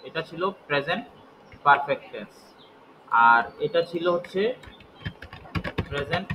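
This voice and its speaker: A man's voice: on the high side, moderate pace, background noise. A man teaching English grammar, explaining step by step and asking and answering his own questions. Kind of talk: spoken grammar lesson.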